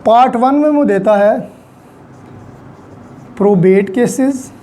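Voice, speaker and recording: Mixing English legal vocabulary into his explanations, a law lecturer with a Pakistani accent goes over terms deliberately and repeats them. His voice is medium in pitch and dark in tone.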